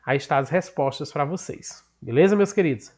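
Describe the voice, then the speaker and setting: A man's voice: a little high, lively intonation, brisk, over loud music. A man with a northeastern Brazilian accent, a teacher explaining a math lesson patiently, asking and answering his own questions. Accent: Brazilian Portuguese, northeastern.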